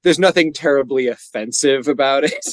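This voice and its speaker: A man's voice: mid-range voice, normal speed, no room sound. A man co-hosting a podcast, rambling in casual chat with frequent laughs. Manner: rambling, laughs often, drops into gravelly impressions. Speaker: podcast co-host.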